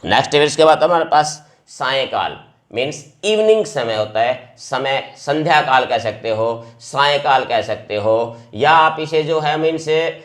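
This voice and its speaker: Man, English teacher, vocabulary lesson, patient, repeats words, mid-pitched voice. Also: expressive, unhurried, fairly bright tone. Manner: explains patiently, repeats each word several times.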